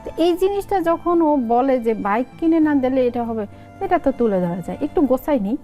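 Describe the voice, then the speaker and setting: A middle-aged woman with a Noakhali accent talks in a relaxed interview, acting out family dialogue as she tells her stories. Her voice sits fairly high, with soft music underneath. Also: moderate pace. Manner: lively storytelling, acts out family dialogue. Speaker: content creator guest. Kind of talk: casual interview talk.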